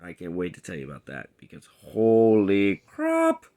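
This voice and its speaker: A man's voice: low-pitched, huge pitch swings, normal speed, dark tone. A man casually recapping a TV episode, rambling with plenty of fillers and hesitations. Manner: rambling, lots of fillers, acts out characters' lines. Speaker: TV show reviewer.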